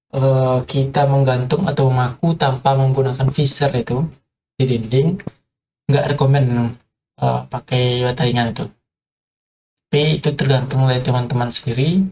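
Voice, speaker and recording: A man's voice: mid-range voice, darkish tone, a little hiss or hum. A man giving an informal tutorial on construction, talking hesitantly with many filler sounds and addressing viewers as friends. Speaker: construction explainer.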